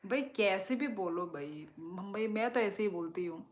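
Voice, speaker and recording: A woman's voice: mid-range voice, lively intonation, a little slow. A woman on a live stream, talking casually in a chatty way with many filler words and reading out viewer comments to answer them.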